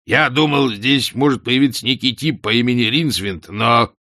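A man voicing a furious, vain male demon king in an audiobook, speaking loud and agitated. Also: mid-range voice, normal speed, dry recording, studio quality, voice pushed up, close to an everyday voice. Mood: impatient. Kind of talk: audiobook character voice.

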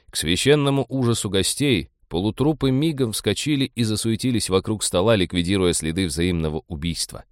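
Brief: male audiobook narrator, very low voice, dry close recording. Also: no room sound. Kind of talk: scripted narration.

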